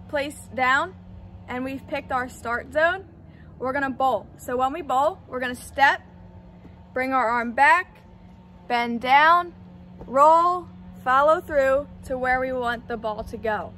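A woman's voice: high voice, a bit bright, a little hiss or hum. A young woman P.E. teacher explaining a game step by step, recorded outdoors on a driveway by a camera at mid distance. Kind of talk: instructional demonstration. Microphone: camera on a tripod at mid distance.

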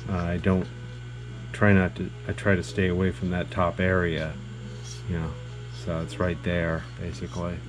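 A man working as a machinist, explaining his cuts in a plain, halting way full of fillers, recorded in a machine shop. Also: low-pitched, darkish tone. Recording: noisy workshop.

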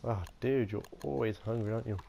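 A man's voice: on the low side, quick pace, creaky, mellow, slight background noise. A man giving casual let's-play commentary, chatty and playful, talking to himself as he plays. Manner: chatty, playful, talks to himself while playing. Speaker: gaming video host.

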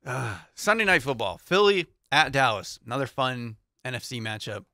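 With an easygoing, sing-song delivery, this bright-voiced young co-host reads sports matchups at a moderate pace, laughing lightly along the way. His voice sits in the mid range. Recorded on a boom-arm studio mic with headphones in a small podcast studio lined with foam panels, the sound is clean and echo-free.

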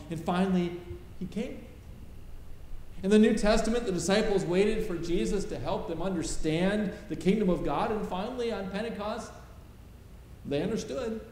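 A man's voice: high-pitched, warm tone. A middle-aged male pastor preaching a sermon from a pulpit, stressing short repeated phrases. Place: large church sanctuary, at a pulpit. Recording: roomy church reverb, faint hiss.

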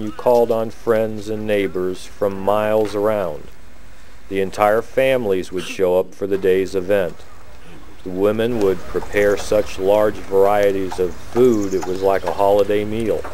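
Man narrating a documentary, mellow low voice. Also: a little hiss or hum. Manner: calm, measured explanatory delivery. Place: voice-over, not recorded at the pictured site.

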